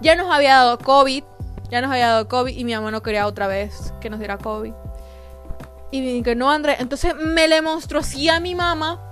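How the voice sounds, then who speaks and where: A woman's voice: sits high, a little fast, soft background music. A young woman, casually telling a personal story on her podcast and acting out the voices she quotes. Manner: animated, acts out quoted voices, slangy. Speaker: podcast host.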